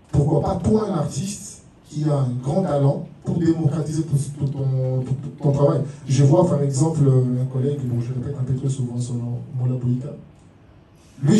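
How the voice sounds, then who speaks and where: A man with a Congolese French accent talks informally as an artist on a panel, his fairly high voice mellow in tone, and he often repeats words. The room is very echoey, the mic distant, and there's faint noise.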